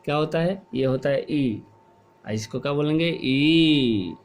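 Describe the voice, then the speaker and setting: A middle-aged man teaching a class, explaining slowly and asking questions, then repeating the answers. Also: on the high side, darkish tone, soft background music. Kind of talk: classroom lesson.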